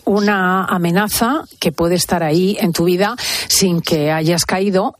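A woman radio host with a Spain Spanish accent, wrapping up briskly and moving to the next segment. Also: fairly low pitch, dry recording. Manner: brisk wrap-ups and segues. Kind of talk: radio magazine hosting.

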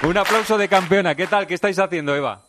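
A man from Spain hosts a radio show, rattling along at a very quick clip with a slightly raised pitch. He sounds chatty and enthusiastic, and the studio sound is dry and close. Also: fairly bright tone, no echo, some chatter behind. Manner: chatty, enthusiastic, fast-talking. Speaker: radio host. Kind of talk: upbeat radio interview.

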